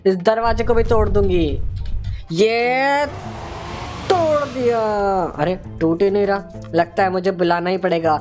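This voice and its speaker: A woman's voice: mid-range voice, darkish tone, faint music behind, natural voice. A woman voicing a spiteful female teacher villain who plans a kidnapping, over game footage. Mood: gloating. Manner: slow, drawn-out threatening speech.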